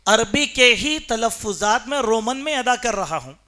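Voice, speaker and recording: A man's voice: very high-pitched, lively intonation, bright, forceful tone. A man giving a Friday sermon in a mosque, speaking emphatically and quizzing the congregation with rhetorical questions. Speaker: preacher.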